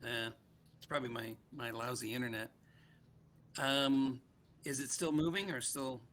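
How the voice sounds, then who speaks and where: A man's voice: medium pitch, fairly even intonation, measured pace, a bit bright. A man on a video call with clipping, distorted mic audio, casually showing his robot project and talking with many ums and restarts. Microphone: computer mic on a video call.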